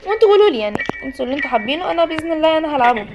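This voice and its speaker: Quick high-voiced Egyptian woman gamer. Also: sing-song, dull audio, noisy background. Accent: Egyptian Arabic. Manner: chatty, jokey, talks and pleads with the game. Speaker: gaming YouTuber. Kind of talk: horror game Let's Play commentary. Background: game music.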